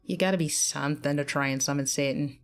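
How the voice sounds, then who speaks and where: A woman doing a nasal, laid-back scruffy dude in a storybook reading, low and casual. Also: steady tone, fast, faint music behind. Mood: offhand nosy. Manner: casual, nosy, offhand. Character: scruffy young adult male entity.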